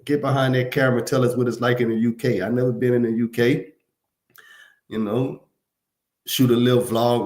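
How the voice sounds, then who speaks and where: A man's voice: on the low side, roomy sound. Laid-back man on a livestream. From Louisiana. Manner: laid-back, slangy, talks straight to viewers. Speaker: livestream host. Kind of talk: casual livestream chat reading comments.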